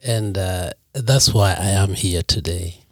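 A man's voice: low voice, takes it slowly, no echo, clean studio sound. A man from Kenya, telling his personal story as a guest in a podcast interview, earnest and reflective.

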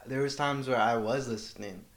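A man's voice: mid-range voice, normal speed. A man in his twenties chatting casually on a podcast with friends, talking like a slangy frat bro. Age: 20s. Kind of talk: casual chat among friends.

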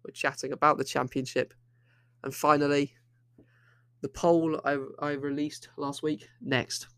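A man's voice: on the high side, flat delivery, a little slow, fairly bright tone. A young man hosting a solo football podcast, opinionated and rambling, often restarting his sentences. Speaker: podcast host.

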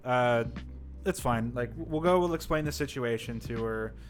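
A man co-hosts a casual podcast and tells a work story in a loose, rambling way. He keeps saying "like" and acts out what other people said. Faint music plays underneath, and his pitch sits in the middle. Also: normal speed. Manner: rambling, many "like" fillers, acts out quotes. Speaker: podcast co-host. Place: live-streamed podcast setup.

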